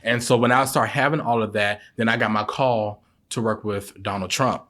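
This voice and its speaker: A man, a celebrity publicist, telling stories as a guest in a casual podcast chat, emphatic and repeating words as he gathers his thoughts. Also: normal speed. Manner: animated, emphatic, leaps up in pitch when excited.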